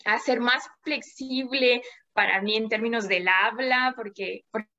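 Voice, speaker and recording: A young adult Mexican climate scientist joins a casual interview over a video call, the audio sounding dull. Her voice is fairly high, bright and forceful at a measured pace, and she explains things thoughtfully and at length, dropping small laughs along the way.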